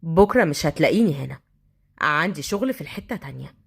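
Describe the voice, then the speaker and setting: A brooding young street thug with an Egyptian accent, as a woman storyteller puts him on, his voice dropped well below her own. He talks slowly and quietly, with a cool, menacing edge. The pitch still rises and falls in a lively way. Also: creaky, husky, heavily acted.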